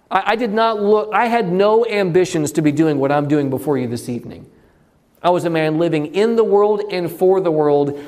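A man preaching an evening sermon, swinging between high exclaims and hushed low lines.

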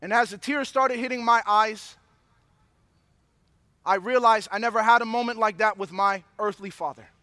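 Very high-voiced, bright male preacher. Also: fairly even intonation, moderate pace, long pauses, no echo. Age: adult father of young children. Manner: impassioned preaching mixed with personal storytelling. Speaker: pastor. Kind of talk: sermon.

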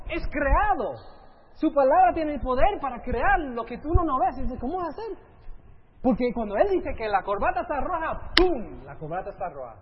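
A middle-aged male preacher giving a sermon, keeping the crowd engaged with constant "right?" questions and English phrases dropped into his speech. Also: extremely high pitch. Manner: keeps asking the audience "right?", with rhetorical questions. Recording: dull lo-fi sound with faint hiss.

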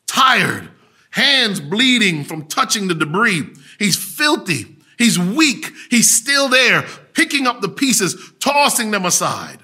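A man preaching a sermon, telling a story dramatically, swinging from loud to hushed. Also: sits high, husky.

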